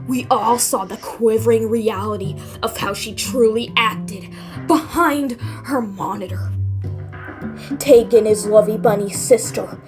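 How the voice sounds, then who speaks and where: High-voiced woman narrating horror over music. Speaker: creepypasta narrator. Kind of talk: scripted horror story narration.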